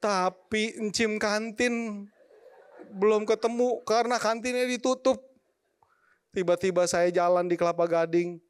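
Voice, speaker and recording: Brief: man in his forties, church testimony, animated storyteller, speaks to the crowd directly. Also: high voice, a little slow, long pauses, smooth.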